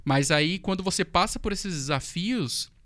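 A man's voice: high voice, moderate pace. A man, a podcast guest telling stories in casual, slangy talk, repeating himself. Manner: slangy, animated, repeats words. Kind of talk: casual storytelling.

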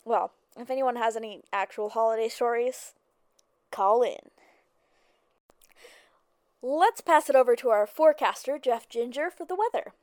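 A woman playing a small-town call-in radio host, with a smooth, breezy, chatty radio-host delivery. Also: a little high, normal speed, long pauses, darkish tone, no echo, clean studio sound, natural voice. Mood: chipper.

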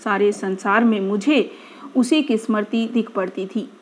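Female storyteller, mid-pitched, measured literary reading, quiet stretches. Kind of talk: reading a first-person story aloud.

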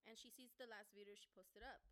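A woman's voice: mid-range voice, steady tone, a little fast, pushed and bright. A woman co-hosting a book podcast, casually retelling a novel's plot with lots of "like" and acted-out quotes. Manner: chatty, peppered with "like" and acted-out quotes. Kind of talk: casual chat recapping a novel. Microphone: podcast microphone.

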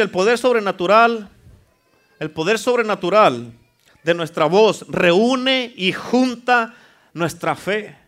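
A man's voice: sits high, a bit bright. A man preaching a sermon in a church, emphatic, often calling for amen and joking with the congregation. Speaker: pastor.

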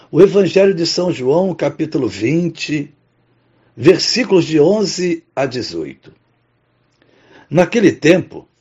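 Slow, husky-voiced priest preaching. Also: male voice, on the high side. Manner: slow, solemn, measured delivery. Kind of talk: liturgical prayer, gospel reading and homily. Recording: muffled recording with soft music behind.

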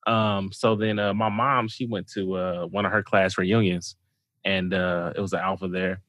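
An American man hosting a podcast, chatting casually in a slangy, informal way with animated reactions. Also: low voice, moderate pace, no echo. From St. Louis area, United States. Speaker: podcast host. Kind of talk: casual chat.

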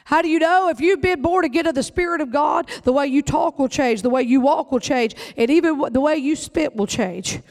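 Man preaching a fiery, folksy sermon in a very high voice. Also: a little fast, few pauses. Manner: emphatic preaching, folksy Southern phrasing. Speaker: pastor.

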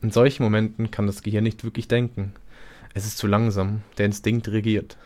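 A man reading a first-person horror story aloud for a podcast, in an even, low-key storytelling manner. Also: fairly quick. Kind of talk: scripted horror narration.

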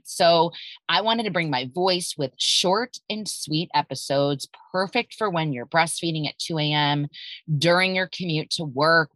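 A woman in her thirties hosts her own podcast, speaking in a very low voice. She talks in a candid, confiding way and swears frankly, recorded close and dry with no room sound. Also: a bit bright, dry recording, rough recording. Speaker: podcast host. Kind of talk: personal storytelling podcast.

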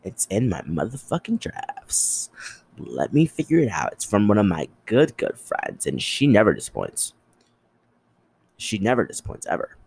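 Animated young man with a husky voice. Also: moderate pace, low-quality recording. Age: young adult. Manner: animated, swearing, jumps in pitch for emphasis. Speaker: podcast host. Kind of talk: casual solo podcast chat.

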